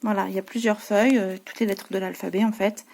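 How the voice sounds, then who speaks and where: A woman's voice: medium pitch, steady tone, fast talker, gravelly, darkish tone. A woman teacher with a French accent, patiently explaining her pupils' home worksheets to parents, with many hesitations. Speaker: preschool teacher.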